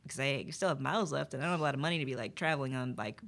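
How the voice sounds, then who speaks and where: Gravelly-voiced chatty woman. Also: a bass voice, racing. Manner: chatty, animated storytelling with many fillers and laughs. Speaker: guest, poet. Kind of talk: casual interview chat.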